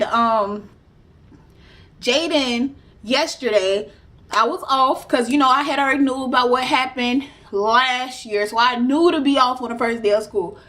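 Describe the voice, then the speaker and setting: High-voiced woman telling a story. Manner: animated retelling, acts out quotes with rising pitch. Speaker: vlogger. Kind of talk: casual storytime vlog.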